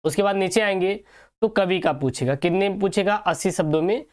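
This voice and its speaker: A man teaching an online exam-prep lesson in a casual, coaxing way. He repeats each point and quizzes his students with quick check questions. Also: sits high.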